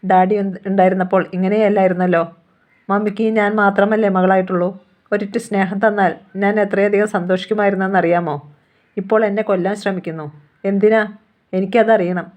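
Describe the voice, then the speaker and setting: A woman's voice: mid-range voice, darkish tone, lightly acted. A defiant young heiress, accusing and demanding answers, read by a woman narrator. Her voice stays close to the reader's own as she presses her questions.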